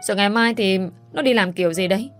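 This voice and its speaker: A woman's voice: medium pitch, fast, lightly acted. A woman voicing a fussy middle-aged mother-in-law who scolds and exclaims, with faint music behind. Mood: scolding.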